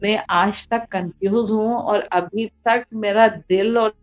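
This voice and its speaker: A woman's voice: medium pitch, steady tone, lo-fi sound, faint music behind. A woman, a mother, recounting a personal experience in a casual, rambling way with frequent fillers. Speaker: mother telling a personal story. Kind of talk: casual spoken account of a true experience.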